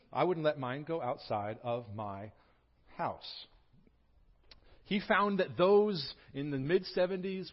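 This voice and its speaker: A pastor in his forties from Southern California, who prays quietly and then preaches in a lively storytelling way with touches of humor. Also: a little high, muffled recording. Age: 40s. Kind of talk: sermon.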